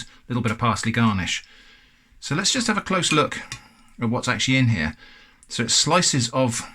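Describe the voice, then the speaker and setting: A man's voice: medium pitch, fairly bright tone. An English man hosting a casual food review, chatty and thoughtful with a self-deprecating touch.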